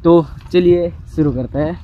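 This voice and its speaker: On tinny, narrow audio with a bit of hiss or hum, a young Rajasthani man records a casual village vlog on his farm using a lapel mic. He speaks a little high and a little slow, asking a child questions in a friendly way.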